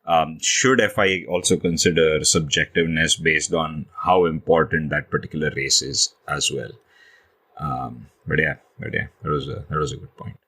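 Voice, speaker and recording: A man co-hosting a motor racing fan podcast in casual, excitable chat, slipping into mocking impressions. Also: rumbling low, normal speed, slightly rough. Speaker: podcast co-host.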